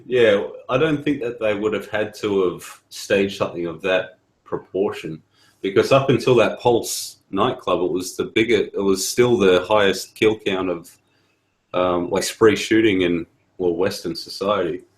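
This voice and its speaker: Guy on a call, low voice, kinda echoey room, keeps repeating himself. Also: unhurried. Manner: hesitant, repeats words. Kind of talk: casual voice call chat. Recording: roomy echo on call.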